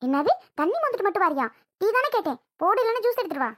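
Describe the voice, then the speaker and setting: Someone voicing a squeaky fast tirunelveli bride, bossy and rude, barking orders in a cartoon. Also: sing-song, a bit bright, no echo, studio quality, heavily acted. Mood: scornful. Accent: Tirunelveli Tamil. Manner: taunting, bossy. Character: bossy new bride, sharp-tongued and rude. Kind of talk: cartoon voice acting.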